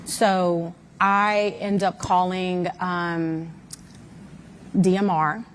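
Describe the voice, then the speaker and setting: A woman with a somewhat low voice, speaking as an interview guest. She recounts events candidly and emphatically, with frequent fillers and restarts, over a faint background hiss. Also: flat delivery, extremely slow. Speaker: interview guest, mother of a missing son.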